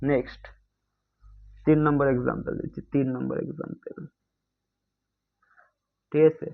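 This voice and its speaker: A man's voice: medium pitch, little pitch movement, moderate pace, gravelly. A man teaching an exam-prep grammar class online in a chatty way, often checking if students follow and calling them brother. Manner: chatty, keeps asking "ঠিক আছে?"; addresses students as "bhai", mixes English terms. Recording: tinny phone-like audio.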